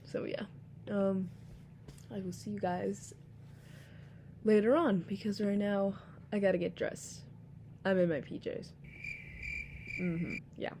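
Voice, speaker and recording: A woman's voice: mid-range voice, fairly even intonation, takes it slowly, long pauses, dark tone, slight background noise. A sleepy young woman vlogging casually, rambling with lots of fillers and yawns. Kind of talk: casual vlog talk.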